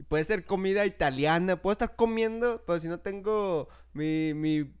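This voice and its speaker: A man's voice: high-pitched, normal speed, clean tone. A man from Mexico with a Mexican accent, chatting casually with lots of slang and questions. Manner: laid-back, slangy, asks lots of questions. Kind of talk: casual chat.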